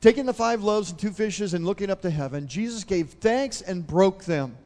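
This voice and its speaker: A man preaches in a church hall, his slightly high voice trailing into a long reverb. He retells a Bible story in an easy, talky way and keeps turning to the congregation with questions. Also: normal speed, darkish tone. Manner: conversational, asks the congregation questions. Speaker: pastor.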